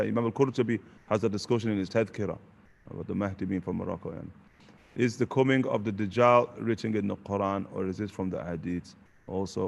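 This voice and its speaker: A man, teaching in a relaxed question-and-answer lesson and dropping Arabic phrases between points. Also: lowish voice, creaky. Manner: conversational, sprinkles Arabic phrases, asks "you get the point?". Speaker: religious teacher.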